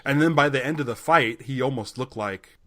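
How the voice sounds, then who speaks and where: A man's voice: mid-range voice, a little fast, sharp tone. Chatty man co-hosting a podcast. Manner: chatty, laughs easily, some hesitations. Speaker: podcast co-host. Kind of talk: casual chat.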